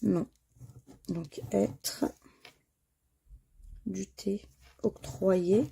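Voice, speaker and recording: A woman's voice: medium pitch, extremely slow, vocal fry, warm tone, slightly rough. A woman commenting casually as she scratches lottery crossword tickets, reading out words and letters one by one and sighing when they miss. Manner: reads out words and letters one by one, sighs at misses. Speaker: scratch card vlogger.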